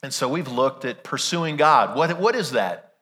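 Bright-voiced pastor preaching in a reverberant hall. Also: male voice, mid-range voice, lively intonation, normal speed. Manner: conversational preaching with rhetorical questions. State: weak, strained voice from illness. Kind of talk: Sunday sermon to a congregation. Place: large church room during a service.

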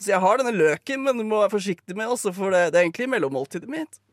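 A man voicing an odd, onion-eating man who talks in a plain, deadpan, earnest way, in a live comedic radio play. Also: high-pitched, dry recording, studio quality.

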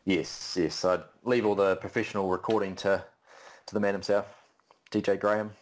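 A man co-hosting a casual podcast, relaxed and joking, explaining with filler words. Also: fairly low pitch, moderate pace. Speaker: podcast co-host.

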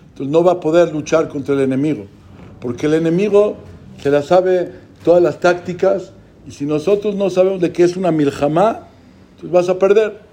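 A man delivers a religious lecture in a preaching manner, often posing rhetorical questions. His voice sits high, yet its tone is dark and mellow. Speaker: religious speaker.

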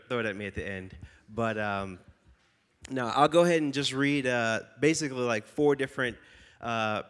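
Casual and joking, a young man preaches to a youth group and reads scripture aloud, his mid-range, fairly bright voice stuffy and a bit nasal from a cold. He is a youth pastor.

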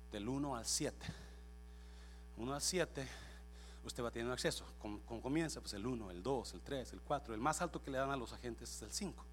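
A male pastor preaching a sermon, telling a story and building up to loud shouting, slipping English words into his talk. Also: medium pitch, slight background noise.

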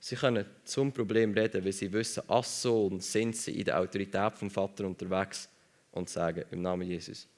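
A man's voice: sits low, steady tone, normal speed, a little mellow. A man preaching a sermon emphatically, repeating phrases for stress.

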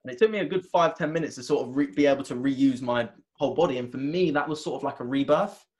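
A man, a guest in a conversation, telling a personal story in an animated way, with many restarts and fillers. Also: medium pitch, quick pace. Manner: animated retelling, acting out his own past words. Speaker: interview guest, wellness coach.

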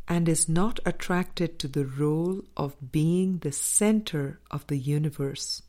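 A woman reads an audiobook of a spiritual dialogue in a slow, low, mellow voice. Her scripted narration is measured and deliberate, with frequent pauses.

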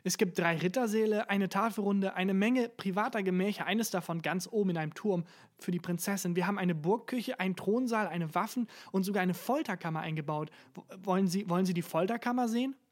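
A narrator voicing a nervous young male intern who stammers and rushes his words in a storybook reading. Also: medium pitch, natural voice. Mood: eager. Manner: stammering, hurried.

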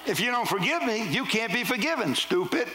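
A man's voice: extremely high pitch, very animated, a little fast, heavy background noise. A man preaching a sermon, firing rhetorical questions and casual asides at his congregation. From Louisiana. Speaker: pastor.

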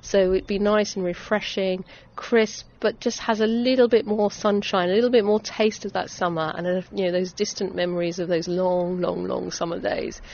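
A woman's voice: mid-range voice, level tone, normal speed, hardly any pauses, darkish tone. A middle-aged woman from Essex with a southern English accent, chatting enthusiastically as a vineyard owner in a casual interview. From Essex, England. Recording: dull lo-fi sound with background noise.

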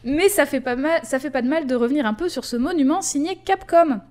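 Chatty woman hosting a podcast, kinda high voice, keeps going with asides and fillers. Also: a little fast, darkish tone. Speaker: podcast host. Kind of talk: casual podcast chat.

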